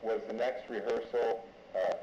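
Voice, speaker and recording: A man questioning a witness as a lawyer in court, deliberate and halting, going step by step. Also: mid-range voice, little pitch movement, mellow. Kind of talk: formal courtroom examination. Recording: echoey, dull courtroom audio with noise.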